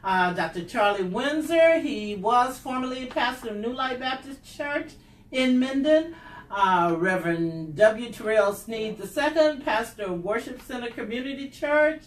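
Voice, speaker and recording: A woman's voice: on the high side, unhurried, echoey room, far from the mic. An older woman, an author hosting a book event, giving effusive thank-yous and announcements with cheers. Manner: effusive, cheering, shout-outs. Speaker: author and host.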